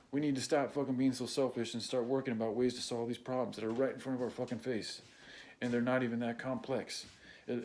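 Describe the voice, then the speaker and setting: A vlogger goes on an unscripted personal rant, speaking bluntly and swearing heavily. His mid-range voice sounds close to tears, and he keeps clearing his throat.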